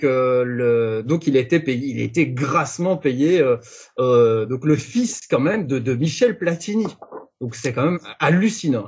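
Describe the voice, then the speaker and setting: Husky man debating football. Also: medium pitch, darkish tone. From Belgium. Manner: hesitant restarts, then firm arguing. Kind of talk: debate talk. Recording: dull lo-fi sound.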